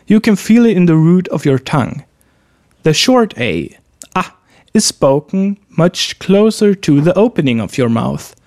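Slow, lively male language teacher. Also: a little high, no room sound, studio quality. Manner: slow, careful demonstration of vowel sounds. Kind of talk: pronunciation lesson.

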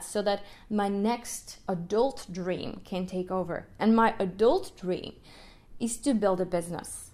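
A young Ukrainian woman whose first language is Russian hosts a solo podcast as a music educator. Her voice sits fairly high, and she speaks animatedly, laughing along the way and often checking in with "right?"

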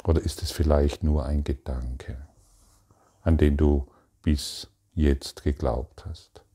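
Deep, slow-spoken man giving spiritual teaching. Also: husky. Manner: addresses listener directly with probing questions; calm, halting phrasing with long pauses. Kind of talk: meditative spiritual talk.

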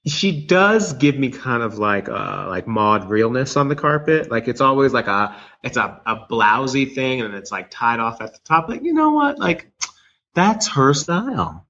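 A man's voice: mid-range voice, big pitch swings, measured pace, bright, forceful tone, dull audio. A man co-hosting a casual chat, often repeating his phrases for emphasis. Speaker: podcast co-host. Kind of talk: casual pop culture chat.

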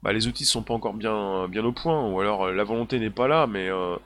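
A man's voice: lowish voice, fairly quick, fairly bright tone. Emphatic man hosting a live stream. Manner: emphatic, repetitive, many fillers. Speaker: livestream host. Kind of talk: live stream chat, reading viewer comments.

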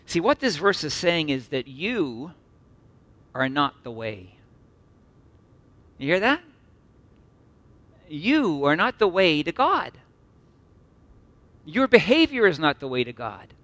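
Male preacher, middle-aged, slightly high, bright voice, emphatic with sudden quiet drops. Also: sing-song, no room sound. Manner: earnest, emphatic, with slow repeated phrases and sudden soft drops. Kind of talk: sermon.

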